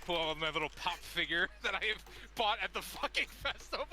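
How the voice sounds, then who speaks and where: A man's voice: high-pitched, brisk, bright, forceful tone, slight background noise. A man speaking casually as a player in a tabletop role-playing game.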